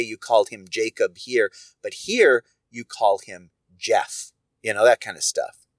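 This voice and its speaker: A man's voice: medium pitch, dry recording. A man who writes, musing aloud in a casual solo podcast with wry, wandering asides.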